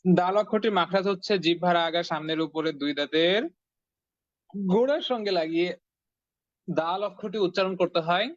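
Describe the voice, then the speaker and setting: A man teaching Quran reading online, patiently repeating phrases and drilling syllables slowly with his students. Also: high voice, dry recording. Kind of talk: online Arabic letter lesson. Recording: dull dry lo-fi sound.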